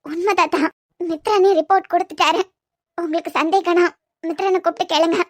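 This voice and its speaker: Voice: very high voice, steady tone, brisk, dry recording, clean studio sound. A voice artist playing a tearful, stubborn young wife in a cartoon serial, with a Kanyakumari Tamil accent. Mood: defiant. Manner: pleading yet stubborn.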